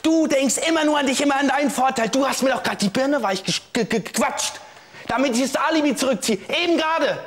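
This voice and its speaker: A man's voice: sits high, normal speed. An actor playing a jilted young man on the witness stand in a scripted courtroom show, hesitant and full of fillers, flaring into anger. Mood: furious.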